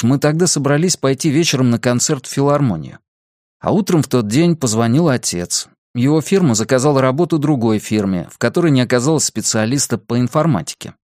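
A man voicing a calm young son. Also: mid-range voice, no room sound, clean studio sound, close to an everyday voice. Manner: calm, even-tempered, patient. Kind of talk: audiobook character voice.

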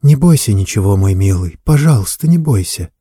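A man's voice: on the low side, lively intonation, brisk, breathy edge, no echo, clean studio sound. Man voicing a tender, soothing mother. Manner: gentle, soothing. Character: tender loving mother, soft and reassuring.

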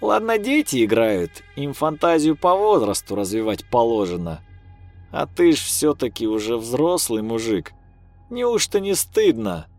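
A man's voice: mid-range voice, very animated, darkish tone, faint music behind, pitched above the performer's own voice. A man reading as a stern sober old villager. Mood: reproving. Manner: measured, grumbling, scolding.

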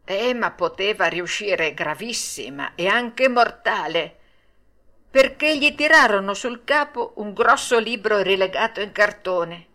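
A woman voicing a calm, plain-spoken old man in a storybook reading. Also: mid-range voice, measured pace. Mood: matter-of-fact.

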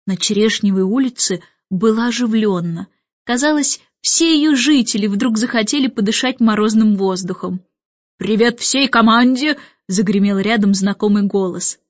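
A woman narrating a children's storybook in a lively, expressive way. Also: medium pitch, dry recording, lo-fi sound. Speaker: audiobook reader.

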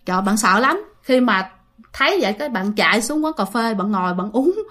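A woman's voice: mid-range voice, lively intonation, a little fast, fairly bright tone. A woman telling ghost stories in a chatty way, talking straight to her listeners with many fillers. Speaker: ghost story narrator. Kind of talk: casual storytelling.

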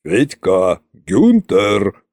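A man voicing an old immortal sorcerer king who speaks slowly and domineeringly. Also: wildly swooping pitch, vocal fry, a little mellow, dry recording, clean studio sound, heavily acted. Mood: commanding. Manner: slow, low, domineering.

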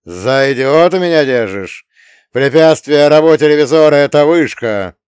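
A man's voice: fairly low pitch, unhurried, clean tone, no echo, studio quality, natural voice. A man voicing a stern, blunt middle-aged state auditor who speaks curtly.

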